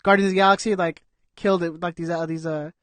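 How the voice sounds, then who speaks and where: High-voiced rambling man, casual. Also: fairly even intonation, fast, fairly bright tone, no echo. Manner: rambling, lots of "like" and "dude". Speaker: podcast co-host. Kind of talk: casual chat.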